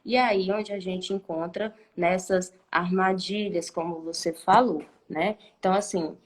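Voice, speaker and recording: A woman's voice: fairly low pitch, fairly even intonation, unhurried. A woman Spanish teacher explaining in a live online class, patient and talkative, who often ends sentences with a questioning "né?" and thinks aloud with restarts.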